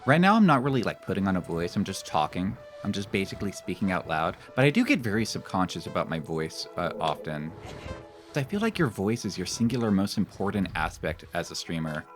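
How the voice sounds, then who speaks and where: Male game streamer, casual and musing, lowish voice with animated swings, faint music underneath. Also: brisk. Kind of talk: casual chat while gaming. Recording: music behind the voice.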